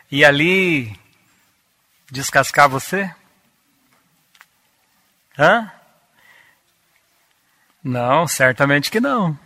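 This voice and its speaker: A man preaching a Bible-teaching sermon, deliberate and repeating key words for emphasis. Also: fairly high pitch, bright, forceful tone.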